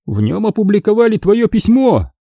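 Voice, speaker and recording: A man's voice: high voice, big pitch swings, moderate pace, creaky, no room sound, dull audio, pitched above the performer's own voice, full character voice. A man voicing a grumbling father who is tearful and impatient. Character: grumpy father chopping onions, tearful.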